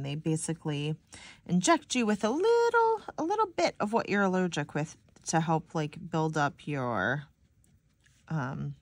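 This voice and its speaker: With no echo in the recording, a young woman's deep voice comes across slightly stuffy and nasal. She's a Michigan planner vlogger, chatting with viewers in a rambling, "like"-heavy way as she decorates a planner.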